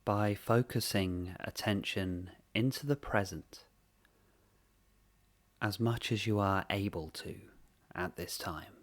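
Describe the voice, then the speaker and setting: A man guides a meditation gently and without hurry, using short phrases separated by long pauses. His voice is on the low side.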